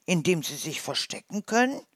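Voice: mid-range voice, sing-song, moderate pace, fairly bright tone, dry recording, studio quality. A storyteller voicing a small, curious, naive hedgehog who asks wondering questions.

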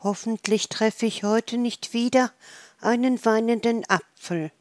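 A woman's voice: on the high side, steady tone, a little slow, a little mellow, dry recording, pitched above the performer's own voice, natural voice. A woman voicing a small, cheerful and curious squirrel in a storybook, wondering aloud. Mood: hopeful. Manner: wondering, mildly puzzled.

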